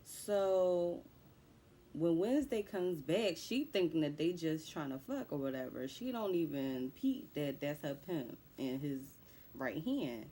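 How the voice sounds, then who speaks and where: A woman's voice: low voice, animated, measured pace, warm tone, a little hiss or hum. A young woman casually recapping a movie plot in loose, profane slang. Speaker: movie reviewer.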